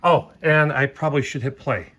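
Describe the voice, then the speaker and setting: Music plays in the background as this man, a vintage audio hobbyist, walks through an equipment demo in a loose, think-aloud way. He speaks at a normal speed, with a medium pitch and a fairly bright tone.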